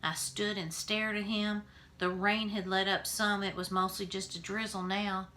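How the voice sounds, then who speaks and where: A woman reading a children's novel aloud and then talking about it in a relaxed way, with fillers. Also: mid-range voice, unhurried.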